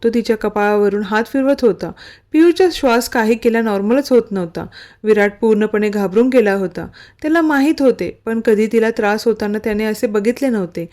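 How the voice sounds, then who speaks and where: A woman reading a romance story aloud with steady, even narration. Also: on the high side.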